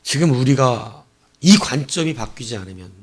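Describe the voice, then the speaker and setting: A male pastor preaching a sermon, telling the story with animated bursts as he acts out quoted lines. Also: medium pitch, normal speed.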